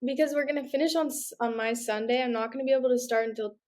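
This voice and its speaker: A woman's voice: a little high, steady tone, fast, darkish tone. A woman co-hosting a podcast in casual chat, upbeat, often hesitating with "um" and "like". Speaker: podcast co-host.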